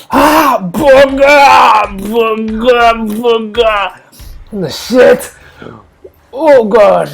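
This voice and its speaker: A woman hosting a comic food reaction video, talking in loud, exaggerated groans, gasps and cries. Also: low voice, vocal fry.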